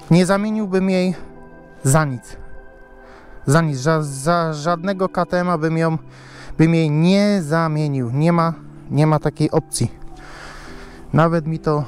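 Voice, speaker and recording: Fairly high-pitched with a darkish tone, this motovlogger talks casually to the camera about his motorbike. His speech rambles, with frequent swearing, plenty of fillers, and repetition.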